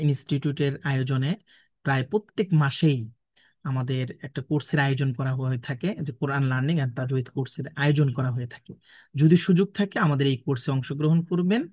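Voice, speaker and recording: Male recitation teacher, mid-pitched, patient and methodical, drilling letter sounds; dry, close recording. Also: darkish tone, no echo. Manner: patient, explains step by step, chants letter sounds slowly. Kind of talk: online recitation lesson.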